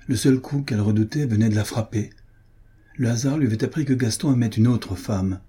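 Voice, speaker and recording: A man reading a nineteenth-century novel aloud in a measured, literary narration. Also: mid-range voice, mellow, husky. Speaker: audiobook reader.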